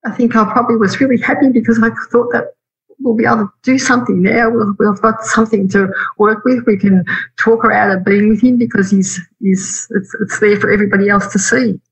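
A middle-aged woman recalling events in an interview, speaking quickly and faltering with repeated words. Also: mid-range voice, fairly even intonation, low-quality recording. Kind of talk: interview recollection.

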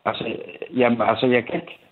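A young man speaks in a candid interview, his sentences full of restarts, fillers and swearing. His voice sits at an average pitch. The recording sounds narrow and tinny, like a phone line. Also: level tone. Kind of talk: candid interview about family conflict.

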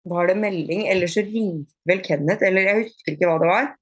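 A woman being interviewed on a podcast, chatting casually, with many fillers and restarts and lively retold dialogue. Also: on the low side, slightly rough, no echo, clean studio sound. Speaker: podcast guest, bodyfitness athlete.

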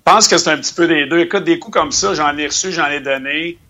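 A man with a Québécois accent, a hockey coach and analyst, talking in a quiet, relaxed, chatty way over a remote line. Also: on the high side, fast. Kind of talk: casual chat by remote line. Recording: dull lo-fi remote mic.

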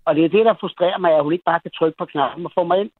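A man calls in to a radio show and tells his story in an agitated, rambling way, stumbling and restarting as he goes. His voice sits a little high and comes through a thin, tinny phone line. The sound is dry, with no room around it. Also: dry recording. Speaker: caller. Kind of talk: telling a personal story on a radio call-in.

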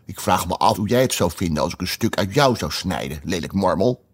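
A man's voice: sits low, animated, brisk, breathy edge, pitched below the performer's own voice, exaggerated voice. A man doing a thick-voiced, offended plum pudding. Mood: indignant. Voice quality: thick, fatty voice. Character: pompous talking plum pudding, thick suety male voice.

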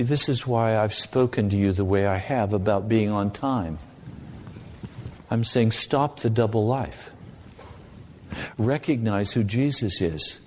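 A man preaching a sermon, gravely warning of judgment and urging listeners on with deliberate repetition and pointed questions. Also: on the low side. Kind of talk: sermon to a congregation. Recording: long hall reverb.

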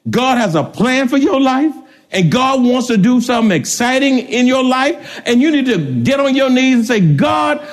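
A man pastor preaching a sermon, shouting out prayers, laughing between lines, speaking. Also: high voice.

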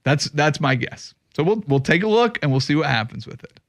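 A man's voice: on the high side, big pitch swings, fairly quick, a bit bright, no echo. A man hosting casual sports talk in an emphatic, opinionated way on a close studio mic. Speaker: sports radio host. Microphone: close studio microphone.

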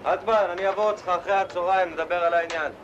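Film role, male actor: casual local with a scheme, high male voice, noisy lo-fi outdoor sound. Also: steady tone, natural voice. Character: casual local man pitching a new idea. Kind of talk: acted film dialogue.

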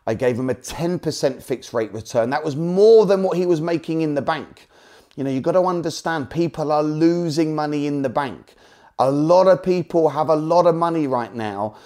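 A man's voice: mid-range voice, darkish tone. A man from Essex with an Essex accent, teaching like a motivational property trainer, telling personal anecdotes in an emphatic, salesy way and repeating key points. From Essex, England.

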